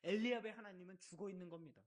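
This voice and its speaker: A man's voice: high-pitched, racing. A man preaching a Sunday sermon, telling stories and asking the congregation questions. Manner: lively storytelling, asks questions of the congregation. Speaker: pastor. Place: church service.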